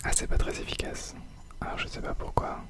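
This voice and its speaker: A man whispers softly, very close to the ear, as he gives ASMR gameplay commentary. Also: brisk. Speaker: host of an ASMR gaming video.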